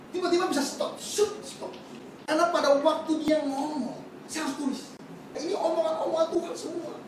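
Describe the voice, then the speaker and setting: A male pastor, preaching a live sermon in a lively, animated way and mixing in English phrases. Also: extremely high pitch. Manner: animated, mixes in English phrases, acts out questioners. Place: church sanctuary. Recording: echoey hall, distant mic, faint hiss.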